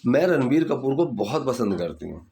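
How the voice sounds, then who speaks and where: A male English teacher walks through grammar in a lesson. His voice is mellow and warm and sits at an ordinary pitch. He pauses often to check in with the learner and draws out each example sentence slowly. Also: big pitch swings, creaky. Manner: keeps checking in with "theek hai".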